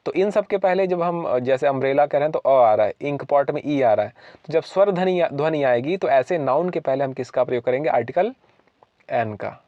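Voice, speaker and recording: A man's voice: medium pitch, animated, a little fast, dry recording, highs cut off. A man teaching an English grammar lesson, patiently explaining rules and asking questions that he answers himself.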